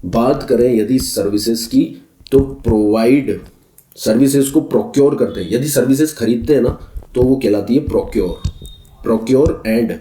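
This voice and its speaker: Brisk Hindi-English commerce teacher, mellow voice. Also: male voice, medium pitch, roomy sound, poor audio. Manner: mixes English terms into Hindi explanations, addresses students as children; brisk, repeats key terms as lists. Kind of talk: recorded class lesson.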